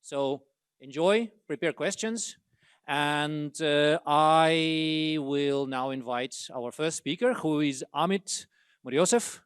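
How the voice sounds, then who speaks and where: Clear-voiced man opening a seminar. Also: a little high, takes it slowly, fairly bright tone, no echo, clean studio sound. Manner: hesitant, many uh fillers, earnest. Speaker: seminar host. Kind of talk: opening remarks introducing speakers. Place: university seminar room.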